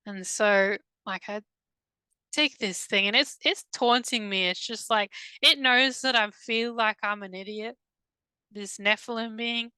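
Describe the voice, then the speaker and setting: Slow, halting woman recounting hypnosis. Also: medium pitch, smooth, no echo, low-quality recording. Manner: halting, hesitant, many restarts and fillers; soft, subdued, emotional. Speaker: hypnosis client. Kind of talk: recounting a past-life regression under hypnosis.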